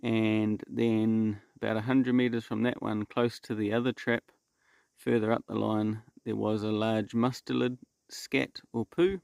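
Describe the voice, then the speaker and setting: A man with a New Zealand accent and a gravelly voice, yarning casually and dryly like a laconic backcountry bushman as he talks through his trapping. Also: lowish voice, level tone, a little slow, a little mellow, dry recording. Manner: laconic, dry-humoured outback bushman. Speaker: predator trapper and vlogger. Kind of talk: casual bush yarn to camera. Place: outdoors in the bush.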